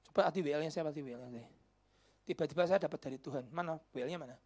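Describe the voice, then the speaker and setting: A man, a pastor preaching a sermon and telling a story. He drops to a whisper when quoting people and rises to loud exclamations. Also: fairly high pitch, fast. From Indonesia. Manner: mixes in Javanese words. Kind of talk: sermon with acted-out dialogue.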